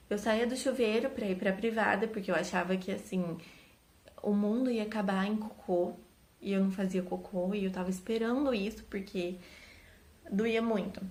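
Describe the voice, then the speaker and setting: A woman's voice: medium pitch, a little mellow. A young woman, casually telling a personal story to camera as a vlogger, candid and repeating words for emphasis. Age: young adult.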